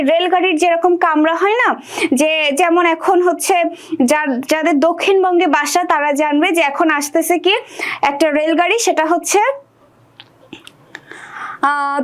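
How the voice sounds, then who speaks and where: A young woman teaching an exam-prep literature lesson. She reads lines from the text aloud, then explains them and asks her students questions. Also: very high-pitched.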